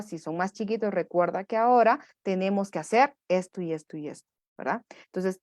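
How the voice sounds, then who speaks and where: A woman's voice: medium pitch, darkish tone. A woman leads a parenting workshop with a voice in the middle of the usual range. She keeps checking in with tag questions and acts out short parent and child lines with more life. Her voice sounds dry and close, with little room echo. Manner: checks in with the audience through repeated tag questions. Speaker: neuropsychologist leading a parenting workshop. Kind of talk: live workshop talk.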